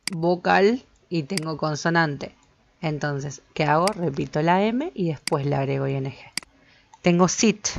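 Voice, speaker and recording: A woman's voice: low voice, creaky, slight background noise. A woman English teacher, patiently explaining grammar and checking in with her students again and again. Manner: patient, repeats points and checks with "¿sí?". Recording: slightly dull lo-fi recording.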